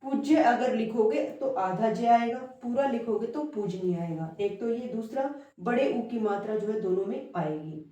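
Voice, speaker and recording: Woman teacher, mellow voice, far off the mic in a very echoey room, patient and repetitive. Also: fairly high pitch. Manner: explanatory, repeats words, frequent fillers. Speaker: Hindi teacher. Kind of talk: classroom lesson on spelling.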